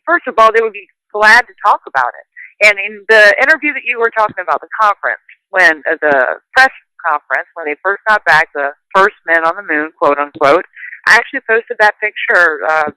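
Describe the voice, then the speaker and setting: A woman's voice: medium pitch, animated, fairly quick, bright, forceful tone, no room sound, poor audio. A woman hosting a casual conversation, talking earnestly and emphatically in long run-on thoughts. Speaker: host.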